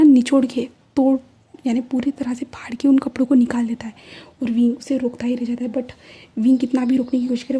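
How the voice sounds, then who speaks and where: A woman narrating a fan fiction story in Hindi-English, in a soft, often whispered voice. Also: a little high, a little hiss or hum.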